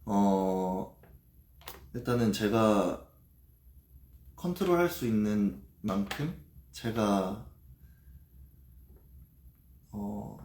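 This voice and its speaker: A man talks slowly and haltingly into a livestream, pausing often between words. His voice sits low and mellow, and the room around him rings with echo. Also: slight background noise. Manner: halting and hesitant, with many pauses and fillers. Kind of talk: confessional livestream talk.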